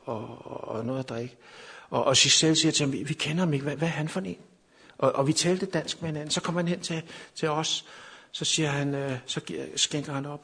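A man's voice: mid-range voice, fairly bright tone, slightly rough. A man preaching a sermon at a camp meeting, telling a personal story unscripted, with many repeated words, and building to fervent preaching.

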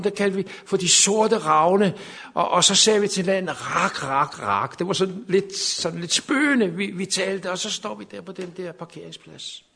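A man's voice: sits high, sharp tone. A man preaching a sermon at a camp meeting, telling a personal story unscripted, with many repeated words, and building to fervent preaching.

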